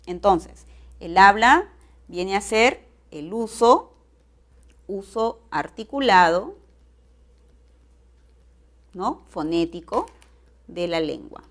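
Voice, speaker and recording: A woman's voice: mid-range voice, animated, extremely slow, long pauses. A woman teaching a recorded class, explaining step by step and often checking in with tag questions.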